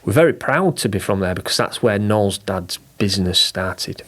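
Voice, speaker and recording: Excitable Yorkshire man, lower voice. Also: moderate pace. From England. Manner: excitable, bursts of emphasis, chatty and informal. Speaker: marketing director, podcast guest. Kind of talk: enthusiastic interview chat.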